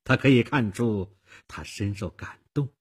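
Husky, slow male radio storyteller. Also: on the low side.

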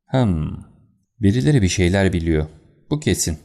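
Man voicing a calm detective for an audiobook, deep, gravelly, unshaken. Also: moderate pace. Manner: cool and unruffled. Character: calm, confident male detective. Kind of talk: audiobook character reading.

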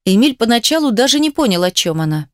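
A woman narrating an audiobook with a dramatic, expressive reading. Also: fairly high pitch, fast, dry recording, studio quality.

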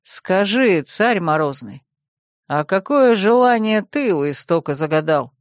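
A woman's voice: on the low side, animated, measured pace, no echo, clean studio sound. A woman voicing a brooding, proud young male warrior in an audiobook reading. He asks direct, probing questions.

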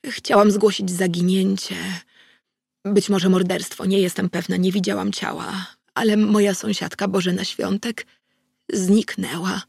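A woman gives voice to a frightened elderly woman in an audiobook. Her voice trembles, with a gravelly grain. The sound is close and dry. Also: medium pitch, level tone, unhurried, darkish tone, no room sound. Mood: anxious. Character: anxious elderly woman reporting her missing neighbour.

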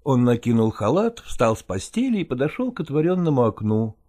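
Expressive storyteller with a lively pitch. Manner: measured, lowered narrating voice. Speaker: narrator.

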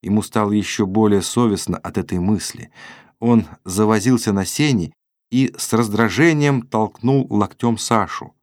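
A man narrating a classic novel as an audiobook in a measured, unhurried way. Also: lowish voice, a little mellow, no echo, studio quality.

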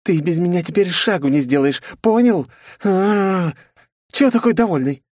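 A man's voice: high-pitched, moderate pace, a little mellow, no room sound, studio quality, voice pushed up. A man voicing a haughty, possessive young princess who snaps, scolds and threatens in an audiobook. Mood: furious, threatening. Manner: snapping, scolding, menacing. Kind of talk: audiobook character voice.

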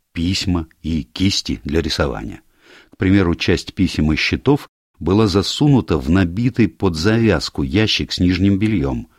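A man reads an audiobook with an even, steady delivery. His voice sits very low, and the recording is dry and close, with no room sound around it. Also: breathy edge, no echo. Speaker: audiobook narrator. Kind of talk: scripted audiobook narration.

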